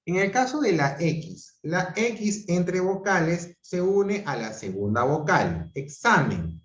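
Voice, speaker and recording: A Peruvian man teaching an online grammar class. He talks slowly and deliberately, repeats each example syllable by syllable, and keeps checking in with "¿ok?" and "¿ya?". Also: high-pitched, big pitch swings, a bit bright. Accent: Peruvian Spanish. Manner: checks understanding with frequent "¿ok?" and "¿ya?". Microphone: video call. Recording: roomy, dull video-call audio.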